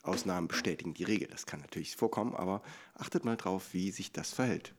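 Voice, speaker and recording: A man teaching music in a relaxed lesson. He explains rhythm calmly, counts the beats out loud, and drops to a whisper on the light beats. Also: low voice, quick pace, noisy background. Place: recorded at home and outdoors on location.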